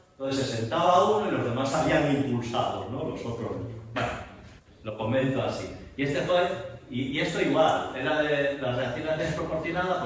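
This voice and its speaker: A man's voice: medium pitch, distant mic, slight background noise. Man lecturing in an echoey hall. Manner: explains with rhetorical questions and recites verse aloud. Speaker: theatre director and voice teacher. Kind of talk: masterclass lecture.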